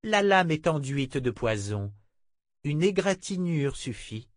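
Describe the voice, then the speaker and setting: A man voicing a calm, ruthless woman who lectures her companion, in an audiobook reading. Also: on the high side, slow pace, no room sound, studio quality, pitched above the performer's own voice. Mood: coolly stern. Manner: calm, cutting, commanding.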